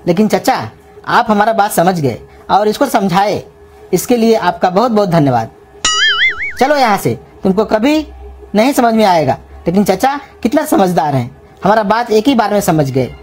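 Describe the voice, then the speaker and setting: A woman voicing a scheming young man who coaxes and flatters to get free food in a comedy cartoon. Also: medium pitch, moderate pace. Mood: flattering. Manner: coaxing, flattering, persuasive. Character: scheming young man, sweet-talking and crafty. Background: music.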